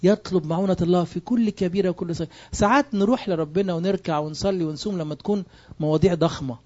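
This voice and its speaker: A man's voice: sits high, rapid-fire, a little mellow, highs cut off. A man with an Egyptian Arabic accent preaching a sermon, emphatic and full of rhetorical questions. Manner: emphatic, asks rhetorical questions and answers them.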